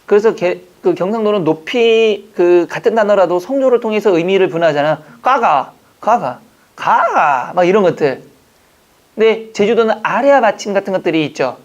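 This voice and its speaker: A man from Jeju Island teaching an exam-prep language class, chatting, joking and quizzing his students with quick questions. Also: sits high, lively intonation, a little mellow. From Jeju Island, Korea. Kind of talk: classroom lecture. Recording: dull lo-fi lecture recording.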